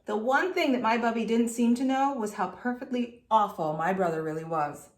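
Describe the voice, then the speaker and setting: A woman's voice: fairly high pitch, normal speed, echoey room. A woman teacher reading a storybook aloud to students, telling it expressively and adding chatty asides.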